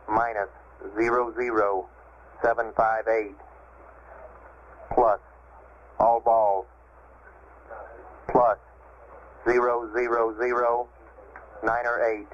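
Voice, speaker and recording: An American man at mission control talking over a walkie-talkie style radio in procedural calls. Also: mid-range voice. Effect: two-way radio. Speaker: mission control capsule communicator. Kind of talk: radio transmission, reading data and call signs. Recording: muffled noisy vintage radio link, static.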